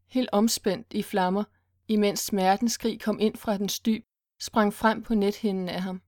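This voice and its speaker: A woman's voice: mid-range voice, no room sound, studio quality. Woman reading a thriller aloud. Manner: steady storytelling. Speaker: narrator. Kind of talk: audiobook narration.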